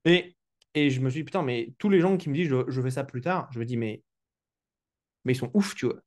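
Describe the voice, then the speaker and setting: A man from France hosts a podcast interview in a relaxed, slangy way. He stammers and restarts his phrases often. His pitch sits in the middle of the usual range for a man. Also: fairly quick. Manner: casual, colloquial, stammering restarts. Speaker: podcast host.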